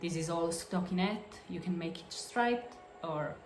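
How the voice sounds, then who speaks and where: In an echoey room with a faint hiss or hum, a woman from Italy presents her knitting projects on her podcast, casually showing off her crafts. Her slightly low voice moves slowly through hesitant English full of fillers, restarts and self-corrections.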